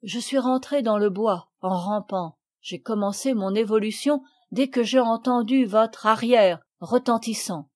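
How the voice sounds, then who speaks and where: A woman's voice: a little high, a little slow, hardly any pauses, darkish tone, natural voice. A woman reading an audiobook, voicing a loyal male sailor who talks in a frank, familiar way. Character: loyal, plain-spoken male sailor from Normandy.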